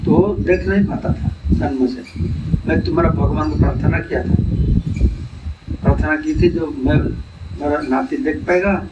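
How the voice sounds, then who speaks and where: A man's voice: a little high, normal speed, long pauses, heavy background noise, close to an everyday voice. Man telling a grateful old woman, earnest, simple, muffled distant sound.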